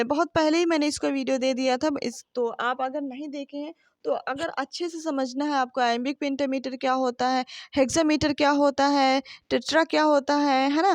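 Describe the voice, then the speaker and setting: A woman with a high voice teaches English literature for exam prep, reading questions and then explaining them. She asks rhetorical questions, answers them herself, and calls her listeners friends. The recording has no echo.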